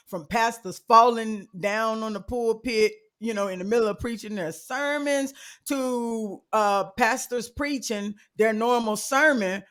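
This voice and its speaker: A woman's voice: fairly high pitch, a bit bright. A woman co-hosting a live podcast, talking in a folksy, preachy, emphatic way about church life. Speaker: podcast co-host. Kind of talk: casual chat, presenting a discussion topic.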